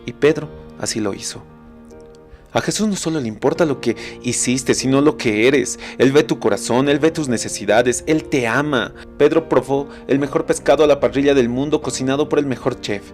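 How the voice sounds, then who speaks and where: A male pastor delivers a devotional message, retelling a scripture story with dramatic pauses and deliberate slow stretches. His voice sits at an ordinary middle pitch and stays earnest as he speaks straight to the listener. A faint bed of instrumental music plays underneath. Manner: dramatic storytelling, slowing down for emphasis; addresses the listener directly and earnestly. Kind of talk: recorded devotional sermon. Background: soft instrumental music.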